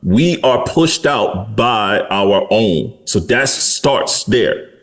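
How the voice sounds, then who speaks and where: A man's voice: lowish voice, animated, very slow. Blunt, outspoken man in his forties. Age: 40s. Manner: blunt, profane, candid. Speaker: podcast host. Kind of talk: casual podcast chat.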